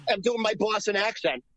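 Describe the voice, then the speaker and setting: A man's voice: sits high, fairly bright tone, no echo, low-quality recording. A man joking crudely as a podcast guest over a video call, stammering and restarting his sentences.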